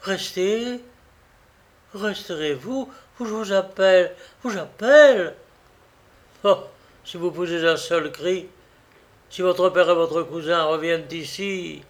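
A woman's voice: fairly low pitch, slow. A man reading an audiobook, voicing a proud young woman who is frightened but keeps her dignity. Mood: alarmed. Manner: pleading, then indignant. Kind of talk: audiobook character voice.

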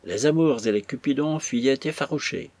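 A man reading a classic novel aloud with measured, expressive narration. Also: medium pitch, no room sound. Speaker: audiobook narrator. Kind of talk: literary audiobook reading.

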